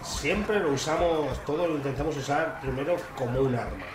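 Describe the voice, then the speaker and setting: A man's voice: fairly high pitch, lively intonation, normal speed, background noise. A man with a Spain accent giving casual, colloquial and irreverent commentary while he plays a game. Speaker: gamer commentator. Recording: echoey room with loud game music.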